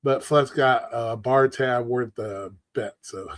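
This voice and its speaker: A man hosts a casual online talk stream, speaking slowly in a mid-range, slightly bright voice with no echo. He sounds congested and is losing his voice, talking loosely and swearing a lot.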